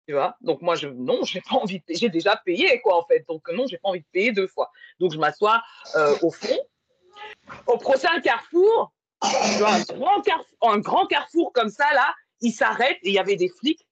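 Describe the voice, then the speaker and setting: Woman, husky breathy voice, dry close sound, muffled lo-fi, chatty storytelling. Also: medium pitch, no room sound. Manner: storytelling with many fillers. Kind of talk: casual conversation.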